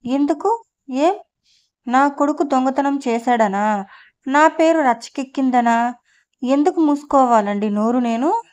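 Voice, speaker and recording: Woman voicing a furious, sharp-tongued wife. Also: high-pitched, measured pace, pauses often. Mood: angry. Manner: scolding, confrontational.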